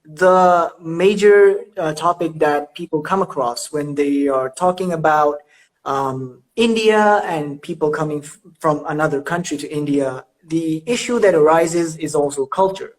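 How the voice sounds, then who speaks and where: A young male host with a slightly high voice chats with an old school friend over a video call. He laughs often, hesitates and stumbles over repeated words as he asks his questions. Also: moderate pace, low-quality recording. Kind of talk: casual video-call interview.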